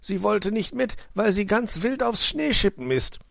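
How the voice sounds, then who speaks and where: A man's voice: sits high, expressive, measured pace, gravelly, a bit bright, dry recording, studio quality, voice pushed up, heavily acted. A man voicing a sly, fibbing fox uncle in a children's story, stammering out excuses. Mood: grumbling.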